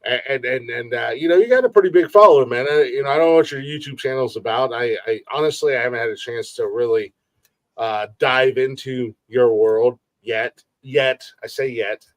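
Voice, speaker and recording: A man's voice: medium pitch, moderate pace, no echo. A man in his forties hosting a casual live-stream podcast, rambling, repeating himself and swearing freely. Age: 40s. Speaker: podcast host.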